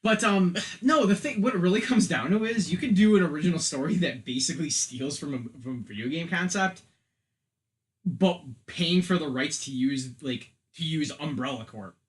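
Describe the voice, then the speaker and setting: A man with a slightly high voice talks at a moderate pace as a panelist on a casual podcast about films and games. He's analytical but rambling, often saying "like".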